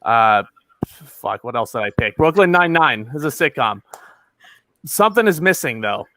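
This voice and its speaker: A man with a mid-pitched, bright, forceful voice, recorded dry and close. He deliberates out loud in casual chat, earnest and thoughtful. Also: no echo. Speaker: draft participant.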